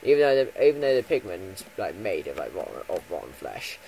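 A young man giving chatty Minecraft let's play commentary, full of ums and self-corrections, jumping from loud bursts down to low mumbles. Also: big pitch swings, a little fast, vocal fry, slight background noise, low-quality recording. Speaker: gaming YouTuber.

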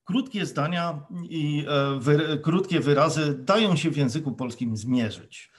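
A man's voice: on the high side, unhurried. A man giving a webinar lecture as a plain-language trainer for officials, explaining rules with worked examples in a conversational way. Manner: conversational, with frequent hesitation sounds.

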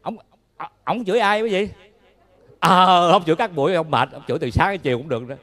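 A man's voice: sits high, a little fast, a bit bright. A man with a Southern Vietnamese accent, a Buddhist monk giving a dharma talk in a folksy, humorous way, telling stories and asking the audience questions.

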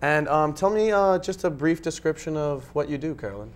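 A man's voice: fairly high pitch, brisk, a little hiss or hum. Joking male host for a casual local chat show. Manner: joking, easygoing. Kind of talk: casual interview.

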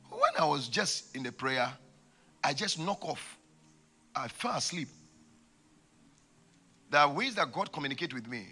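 A man in his forties with a West African accent and a husky voice, preaching and telling stories, repeating phrases for emphasis into a handheld microphone. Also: mid-range voice, pushed and bright. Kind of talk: sermon with storytelling. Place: large church auditorium, on stage.

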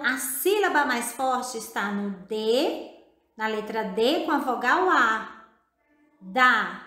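A Brazilian woman teacher with a Brazilian Portuguese accent, giving a recorded video lesson for children, speaking slowly and deliberately, spelling out syllables and often addressing the child directly. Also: high voice, a bit bright. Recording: echoey room.

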